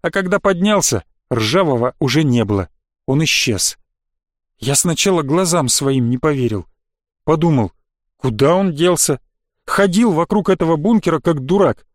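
A man reading a first-person story aloud as an audiobook narrator, with lively, expressive storytelling. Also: a little high, moderate pace, no echo, studio quality.

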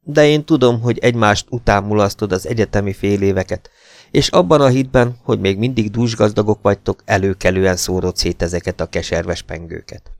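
A man's voice: fairly low pitch, a little mellow, no room sound, natural voice. A man reading the part of a young man in an audiobook, an old friend who speaks frankly and soberly as he delivers bad news. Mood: earnest. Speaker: character in audiobook.

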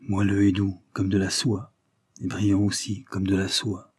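A man's voice: deep voice, monotone, normal speed, darkish tone, slightly rough, dry recording, studio quality. A man reading the part of a dying young man, weak and mournful. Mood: tender.

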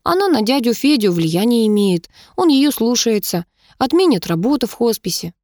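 A woman's voice: fairly high pitch, very animated, moderate pace, a little mellow, voice pushed up. Woman doing a timid teenage girl.

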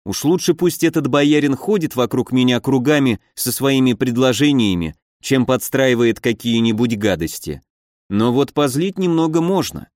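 A man's voice: mid-range voice, animated, moderate pace, darkish tone, no room sound, clean studio sound. A man narrating a first-person audiobook in a wry, ironic manner.

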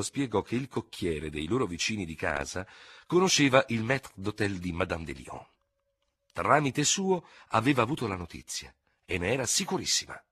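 A man narrating a classic novel as an audiobook, in an expressive, theatrical reading style on a close studio mic. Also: low-pitched, husky, dry recording. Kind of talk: scripted literary narration.

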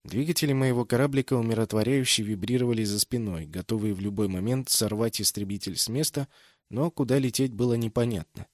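A man's voice: mid-range voice, a little fast, dry recording. Man narrating fiction, very dry recording. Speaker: audiobook narrator. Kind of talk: scripted first-person fiction narration.

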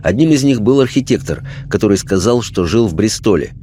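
A man narrating a story in an expressive storytelling manner. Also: fairly low pitch, a little fast, faint music behind. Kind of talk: scripted narration.

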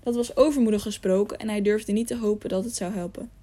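A woman reading an audiobook aloud, telling the story in a calm, measured way. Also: mid-range voice. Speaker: audiobook narrator. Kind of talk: scripted storybook narration.

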